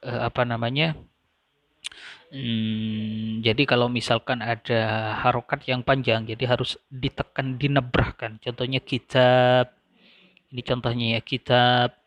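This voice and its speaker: Guy teaching an online class, halting and full of ums, dry close sound, voice sits mid-range. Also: medium pitch, a bit bright, no echo. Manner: hesitant, many fillers and restarts; repeats example words slowly and clearly. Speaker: lecturer. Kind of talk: online lecture explaining Arabic grammar.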